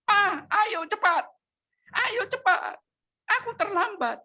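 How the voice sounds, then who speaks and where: A male preacher voicing an impatient woman in her sixties who is in a hurry, speaking in a shrill, strained, urgent high voice. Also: big pitch swings, slow, vocal fry, sharp tone, exaggerated voice. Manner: urgent, insistent pleading.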